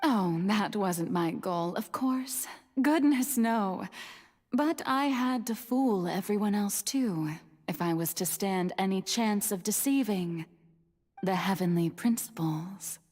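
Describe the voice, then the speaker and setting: A woman's voice: medium pitch, expressive, takes it slowly, a little mellow. A woman playing a mature, playful and self-satisfied water goddess in a video game, speaking grandly and savouring ornate words. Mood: arch, theatrical. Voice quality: older-sounding, breathy in places. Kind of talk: video game cutscene voice acting. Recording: long hall reverb under game music.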